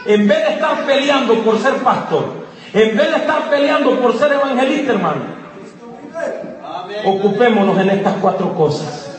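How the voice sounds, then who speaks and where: A man, a pastor, preaching a fiery sermon to his congregation, calling out questions to the crowd and rising to shouts. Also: extremely high pitch, lively intonation, moderate pace. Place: church service with congregation. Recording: echoey hall, distant mic, crowd noise.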